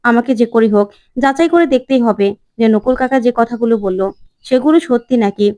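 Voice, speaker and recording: A woman's voice: a little high, fairly quick, darkish tone. A woman narrator retelling a TV serial episode in a plain style, linking scenes with repeated phrases.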